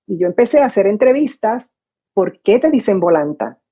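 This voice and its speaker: Older Puerto Rican woman announcer, mellow and breathy, telling stories vividly over a video call. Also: medium pitch, moderate pace. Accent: Puerto Rican Spanish. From Puerto Rico. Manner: animated storyteller, acts out her own past dialogue. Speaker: radio announcer guest. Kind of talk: storytelling interview. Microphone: video call from home.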